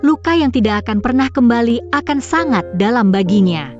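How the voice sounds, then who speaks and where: A woman's voice: on the high side, expressive, normal speed, muffled recording, over music, close to an everyday voice. A woman dubbing an earnest young daughter in a TV drama, speaking in a reflective manner. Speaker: dubbed drama character. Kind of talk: dubbed TV drama acting.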